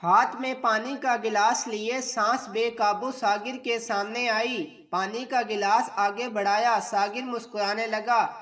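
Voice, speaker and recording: A woman's voice: fairly high pitch, steady tone, few pauses, fairly bright tone. Woman narrating a story from off-mic. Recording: distant mic.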